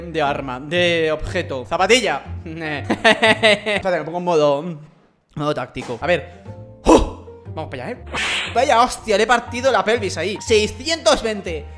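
Lively, joking Spanish gamer commentator. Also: medium pitch. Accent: Spain Spanish. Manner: animated, jokey, swings between shouts and mutters. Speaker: gaming YouTuber. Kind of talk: comedic let's-play commentary.

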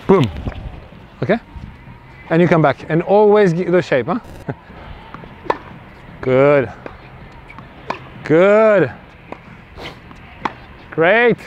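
A male tennis coach talks a player through drills on an outdoor court, with a somewhat high voice and quick calls of praise. The recording is muffled and lo-fi. Faint traffic and outdoor noise sit behind him. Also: darkish tone. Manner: encouraging, short bursts of praise.

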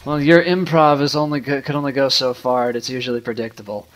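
A young man hosts a gameplay video, offering casual commentary and banter with a note of playful exasperation. His voice is mid-range and steady, and he talks fast.

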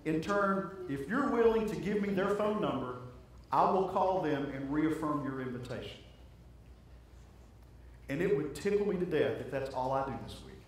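A man's voice: high voice, a little hiss or hum. A male pastor delivering a sermon in an earnest, conversational way, repeating words for emphasis. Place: church sanctuary. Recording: very echoey church, heard from a distance.

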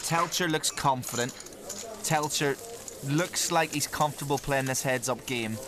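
A man's voice: medium pitch, unhurried. Jokey male poker commentator. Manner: lively, jokey and emphatic. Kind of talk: live sports commentary. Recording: crowd noise in the venue. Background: crowd noise.

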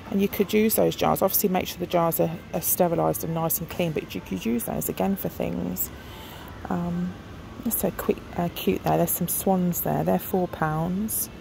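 A middle-aged woman with a lowish voice and vocal fry chats casually while filming the aisles of a large discount shop on her phone. She's a shopping vlogger thinking aloud with plenty of ums, and noisy shop ambience fills the recording.

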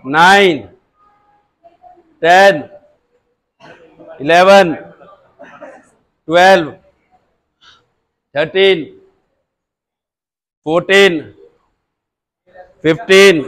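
Male gym coach, high voice, drawn-out rep counts with short urging calls. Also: a bit bright, low-quality recording. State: dry throat from counting. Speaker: gym trainer. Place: indoor gym.

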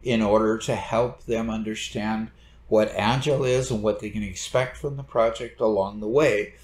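A middle-aged man giving a recorded lecture over slides from a home study, explaining in a relaxed way at a desk camera. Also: fairly low pitch, normal speed. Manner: relaxed explanatory, gestures with hands. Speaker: instructor. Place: home study with bookshelves, indoors. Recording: roomy echo.

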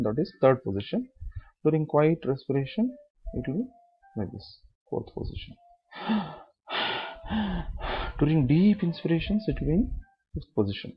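A man's voice: mid-range voice, slightly rough, dull audio. A man giving a medical lecture, explaining step by step, repeating key terms and asking then answering his own questions.

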